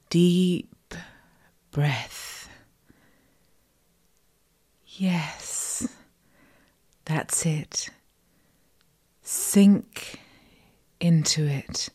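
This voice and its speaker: A woman whispers very slowly into a close microphone, her voice breathy and hushed. She coaxes and gives soft commands, like a dominant partner speaking straight to the listener. Her tone stays mellow and warm throughout. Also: fairly low pitch. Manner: slow, soft, coaxing and commanding. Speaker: audio roleplay performer. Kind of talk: whispered intimate audio roleplay addressed to the listener.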